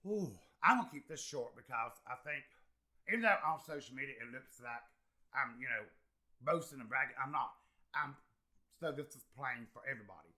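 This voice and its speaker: A man's voice: mid-range voice, animated, a little fast, sharp tone. A man speaking as an interview guest, an actor and comedian, talking earnestly and encouragingly with lots of fillers. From South Carolina. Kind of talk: candid conversational interview.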